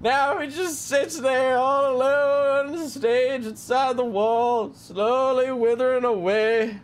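A man's voice: very high voice, steady tone, slow, faint music behind, voice pushed up. A man voicing a folksy cowboy restaurant manager with an exaggerated drawl, reading game dialogue aloud. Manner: chatty, rambling storyteller.

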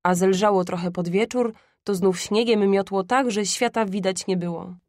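A woman audiobook reader giving measured, expressive narration of a classic story at a close microphone. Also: mid-range voice, dry recording. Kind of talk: scripted literary narration.

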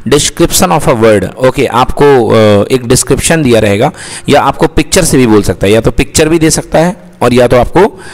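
A man's voice: mid-range voice, moderate pace, darkish tone. Hindi-speaking man teaching in a reverberant room. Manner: asks questions and answers them himself, calls listeners beta. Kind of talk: Hindi-English classroom lesson. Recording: long reverb.

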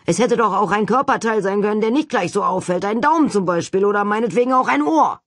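Grumbling teenage boy, put on by a woman, husky low tone, dry close sound. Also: dry recording, natural voice. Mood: reproachful. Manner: grumbling, reproachful, lower and slower.

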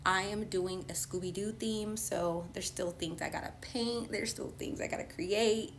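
A woman's voice: mid-range voice, unhurried, gravelly, a little hiss or hum. A woman in her thirties, chatting casually to viewers in a home vlog, calling them y'all, filmed at arm's length. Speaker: lifestyle vlogger. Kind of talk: casual vlog chat to camera. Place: home kitchen and garage, indoors. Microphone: camera held at arm's length.

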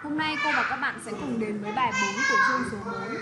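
A woman teaching English words to children, repeating phrases slowly and checking in often with tag questions. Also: fairly high pitch. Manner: patient, slow model pronunciation with tag questions. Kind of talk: English lesson for children, explained in another language. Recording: steady background noise.

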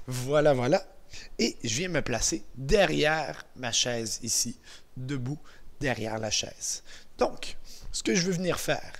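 Slow, calm Québécois exercise instructor man. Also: mid-range voice. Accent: Québécois French. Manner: calm, encouraging, counts down softly. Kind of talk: guided seated exercise class. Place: indoors beside a chair.

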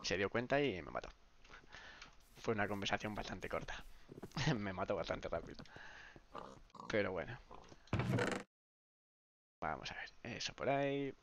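Over a noisy background, a congested man with a sore throat streams a game, speaking expressively at a measured pace and pausing often. His casual chat meanders, restarting frequently and dropping into low mumbles.

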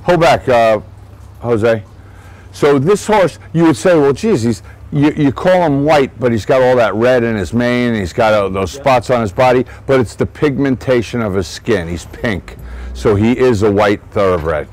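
A man's voice: mid-range voice, moderate pace, darkish tone, rough recording. A man, a racehorse trainer giving a guided barn tour outdoors, chatty and digressive, often restarting his sentences. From Long Island, New York. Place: outdoor horse barn shed row.

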